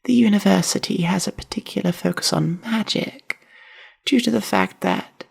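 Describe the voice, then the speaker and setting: For an ASMR roleplay, a woman whispers huskily as a shy, reclusive spider-woman librarian, her awkward delivery hesitant and dryly deadpan. Her voice is mid-range, and she keeps a moderate pace.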